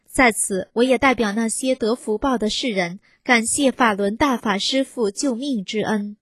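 Woman, husky voice, reading a first-person testimony, acting out quoted dialogue, dry close sound. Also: fairly high pitch, normal speed, no room sound.

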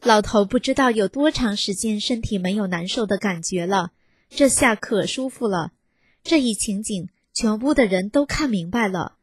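A woman's voice: medium pitch, animated, moderate pace, slightly rough, dry recording. A woman reading a first-person testimony aloud in a storytelling manner, acting out the quoted dialogue.

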